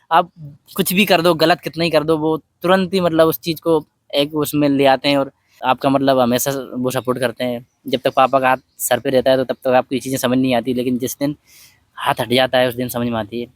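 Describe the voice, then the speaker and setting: A man talking softly and from the heart in a personal vlog, telling a story at an unhurried pace. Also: medium pitch, flat delivery, no room sound, studio quality. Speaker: vlogger. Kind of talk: personal reflective talk.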